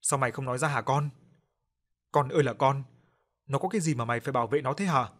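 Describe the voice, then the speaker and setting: A man voicing a furious, harsh middle-aged father who shouts, curses and threatens. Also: mid-range voice, quick pace, close to an everyday voice. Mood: furious shouting.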